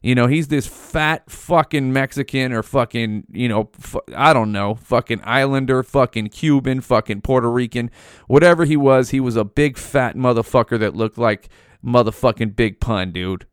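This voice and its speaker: A man hosting a casual podcast, rambling through stories with constant swearing and slang. His voice is smooth and medium in pitch. The sound is dry and close, with no room around it. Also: normal speed, no room sound. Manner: rambling, heavily profane, slangy. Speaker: podcast host. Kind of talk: casual monologue storytelling.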